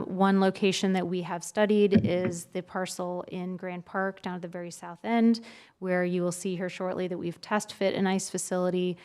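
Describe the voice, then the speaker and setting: A woman with a smooth, clear and slightly low voice presents at a formal meeting. Her delivery is measured and matter-of-fact, as a staff member reporting. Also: darkish tone.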